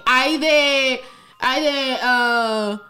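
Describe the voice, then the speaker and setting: A woman in casual chat who slips English phrases into her Spanish, talking haltingly with many restarts and laughs. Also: high-pitched, music in the background.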